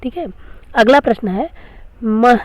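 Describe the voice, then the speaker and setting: Higher-voiced woman teaching grammar patiently. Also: measured pace, darkish tone, no echo. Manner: patient, repeats each question and answer. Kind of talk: classroom grammar lesson.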